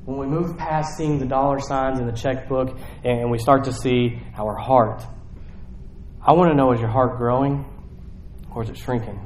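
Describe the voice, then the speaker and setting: A man preaching a sermon in a relaxed, conversational way, often checking in with his congregation. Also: mid-range voice, normal speed, a little hiss or hum. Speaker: pastor. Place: church sanctuary. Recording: very echoey hall.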